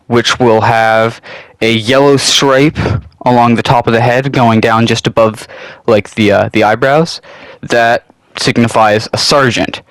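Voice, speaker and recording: The speaker is a young man hosting his channel, a bit sniffly with a cold, chatting loosely through a semi-scripted hobby subject with rambling and the odd swear word. His voice is medium in pitch and slightly bright, on a rough recording with no echo.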